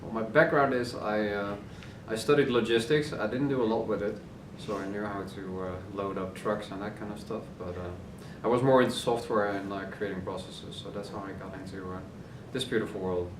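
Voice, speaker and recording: A man, a company co-founder, explaining his business in a relaxed interview with many fillers. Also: on the low side, normal speed, hardly any pauses, music in the background. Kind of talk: casual interview answers. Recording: roomy office, distant mic, noisy hum.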